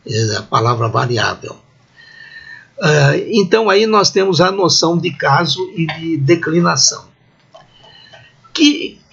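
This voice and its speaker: A man's voice: sits high, gravelly, a bit bright, breathy edge. A middle-aged man teaching a recorded lesson, patient and drawn out when he sounds out example words. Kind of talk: recorded lecture. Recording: dull lo-fi recording.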